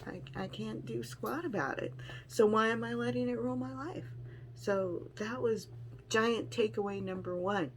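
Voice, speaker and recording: A woman's voice: a little high, low-quality recording. Middle-aged woman, chatty and blunt, unscripted vlog delivery, faint background noise. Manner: chatty, rambling, frank and salty. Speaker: vlogger sharing weight-loss surgery experience. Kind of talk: casual personal vlog.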